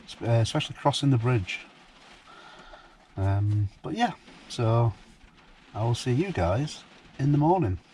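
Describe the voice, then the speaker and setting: A man's voice: mid-range voice, expressive, measured pace, long pauses, mellow. A British man chats casually and informally to camera inside a parked van, in an easygoing manner. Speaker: vlogger. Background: rain on the van roof, background noise.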